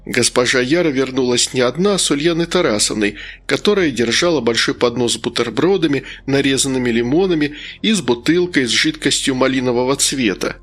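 A man narrating an audiobook in a steady storytelling manner. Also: mid-range voice, fairly quick, hardly any pauses. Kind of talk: scripted narration.

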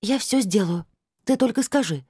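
A woman's voice: mid-range voice, animated, moderate pace, warm tone, slightly rough, dry recording, studio quality, voice pushed up. A woman reading an audiobook voices a stubborn teenage girl who wails and talks nasally through her sobs. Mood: hopeful. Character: sobbing stubborn teenage girl, sulky then eager.

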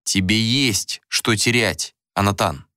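A man's voice: mid-range voice, sing-song, moderate pace, bright, forceful tone, dry recording, studio quality, voice pushed up. A man doing a sneering whip-cracking bandit. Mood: menacing. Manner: sneering, threatening. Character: mocking greedy male bandit with a whip.

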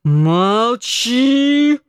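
A woman reading an audiobook, voicing a drunk, rowdy young male naval cadet who shouts hoarsely and chants in a slurred sing-song. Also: medium pitch, very slow, no echo, clean studio sound. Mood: drunken bellowing.

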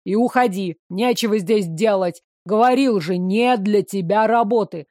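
A woman voicing a grumpy grey-haired old male shopkeeper who speaks low, curt and grudging. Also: moderate pace, warm tone, no echo, studio quality, natural voice.

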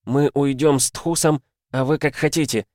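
Brief: man playing a worn-out, hoarse young huntress, blunt and scornful, raised pitch, dry close sound. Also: steady tone, moderate pace, darkish tone, no echo, natural voice. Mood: weary defiant. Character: exhausted young female hunter, blunt and defiant.

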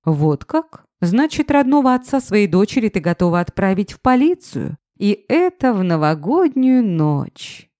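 A woman voicing a pushy, drunken ex-husband who talks cocky and loud. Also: medium pitch, big pitch swings, unhurried, dry recording, clean studio sound, pitched above the performer's own voice. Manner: boisterous, cocky.

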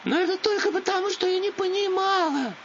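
A man voicing a frightened old hotel maid, a woman, with a shrill pleading squeal. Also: a little fast. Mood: eager. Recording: dull lo-fi audiobook with loud hiss.

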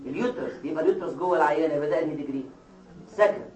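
A man with an Egyptian Arabic accent giving a classroom lecture, explaining step by step and quizzing his students with quick questions. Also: fairly high pitch, distant mic, crowd noise. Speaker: medical lecturer. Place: lecture hall. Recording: echoey hall, taped from afar.

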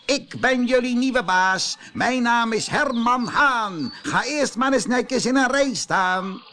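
Herman Haan, a man doing a shrill bossy rooster. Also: slow, pushed and bright, exaggerated voice. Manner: shrill barking commands. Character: bossy strutting rooster, shouting cockily. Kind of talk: storybook reading.

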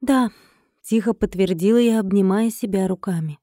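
A young woman in her twenties narrating a first-person fantasy audiobook in a steady, composed way. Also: medium pitch, normal speed, dry recording, clean studio sound. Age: 20s.

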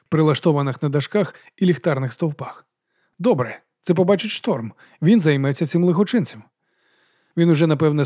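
A man narrates an audiobook in an even, storytelling way. His voice is a little higher than most men's, and the recording is dry and close, with no room sound. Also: no room sound. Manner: steady storytelling delivery. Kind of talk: scripted narration.

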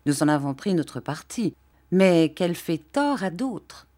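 A woman voicing a patient young husband who pleads gently and earnestly in an audiobook reading. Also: lowish voice, big pitch swings, a little slow.

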